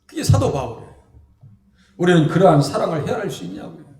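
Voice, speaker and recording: Lively Korean pastor, high voice, echoey church. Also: male voice, quick pace. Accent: Chungcheong Korean. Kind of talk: sermon.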